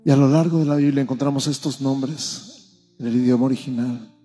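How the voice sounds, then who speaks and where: A man's voice: mid-range voice, fairly even intonation, a little fast, warm tone, slightly rough, faint music behind. A man preaching a Sunday sermon as pastor, explaining patiently and building into emphatic repetition during a church service.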